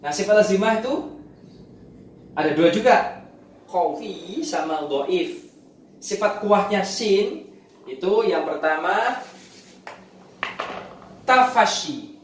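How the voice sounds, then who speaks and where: An echoing, slightly distant recording of a man with a high voice giving a beginners' recitation lesson. He explains didactically, restating each point and sounding out syllables, with faint noise underneath. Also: animated, slow, long pauses. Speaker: Quran recitation teacher. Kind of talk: instructional lesson for beginners, demonstrating letter sounds. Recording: roomy echo, distant mic, faint noise.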